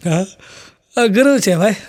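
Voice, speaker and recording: A man's voice: high voice, expressive, unhurried, darkish tone, slight background noise. A man doing live stand-up with a rural Saurashtra Gujarati accent, telling jokes and acting out quoted characters in raised voices. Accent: Gujarati, Saurashtra rural dialect. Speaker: stand-up comedian.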